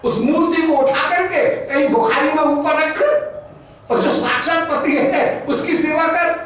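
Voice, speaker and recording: A man's voice: very high-pitched, fairly even intonation, a little slow, fairly bright tone, voice pushed up. A man voicing a playful divine young man who gives amused, reassuring advice, recorded far off in a very echoey hall.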